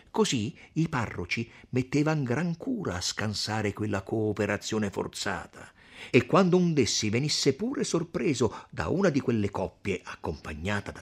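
A man narrating a classic novel as an expressive audiobook reading. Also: fairly low pitch, slightly rough. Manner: expressive storytelling. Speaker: reader.

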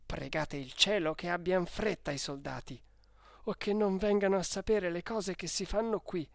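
A man voicing a fearful, fussy old village priest who scolds in anxious hushed tones. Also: sits high, no room sound, clean studio sound, voice pushed up. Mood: fretful.

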